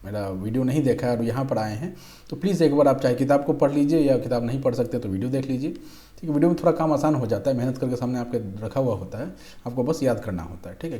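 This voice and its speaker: A young man works through exam questions like a patient tutor, reading each option aloud. His voice is mellow and warm, pitched in a middle range. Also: fast. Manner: patient, repeats "ठीक है", reads options aloud. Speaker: exam-prep teacher. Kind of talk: explaining quiz questions.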